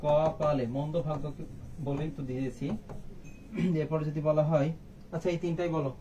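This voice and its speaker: At normal speed, a man with a fairly high but dark voice and little pitch movement runs a live online exam-prep class. He quizzes by asking and then answering his own questions; faint background noise and a slightly distant mic are audible.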